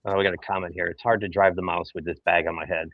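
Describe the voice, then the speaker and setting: A podcast co-host, tired in a hotel room early in the morning, rambles through casual sports chat with a bag over his head. His voice is low and flat, and he talks fast with many fillers and restarts. The recording is muffled, with no room sound.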